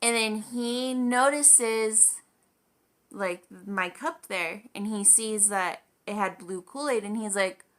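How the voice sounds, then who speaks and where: Slow, bright-voiced woman telling a story. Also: mid-range voice. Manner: chatty, full of "like", acts out quoted dialogue. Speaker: vlogger. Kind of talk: casual storytime.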